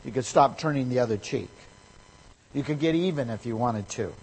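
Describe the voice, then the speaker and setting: A male pastor giving a sermon, reading scripture aloud and explaining it, swinging from loud to soft for emphasis. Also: medium pitch, normal speed, slightly rough, low-quality recording.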